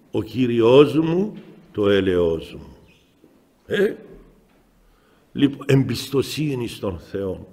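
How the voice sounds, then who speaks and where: A middle-aged man with a Cypriot Greek accent, a bishop telling stories in a spiritual talk, swinging between loud exclamations and soft asides. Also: a little high. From Cyprus. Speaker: metropolitan bishop. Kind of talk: spiritual talk answering the faithful. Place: chapel. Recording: long chapel reverb.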